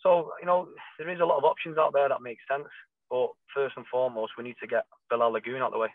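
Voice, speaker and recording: A man's voice: mid-range voice, steady tone, quick pace, dry recording. A man, a boxing trainer, answering interview questions in an emphatic, conversational way over a thin, phone-like connection. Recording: thin phone-like call audio, dry.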